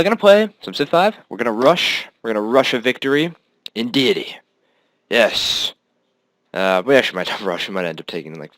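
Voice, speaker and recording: A man's voice: fairly low pitch, fairly bright tone, no room sound. A man giving rambling, casual commentary on his own strategy game, swearing often and laughing at himself.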